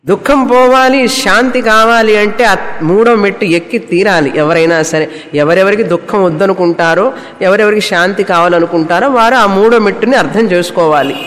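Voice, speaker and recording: A man's voice: high-pitched, a bit bright, a little hiss or hum. A man teaching a spiritual discourse on scripture, asking rhetorical questions and repeating phrases. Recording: long hall reverb.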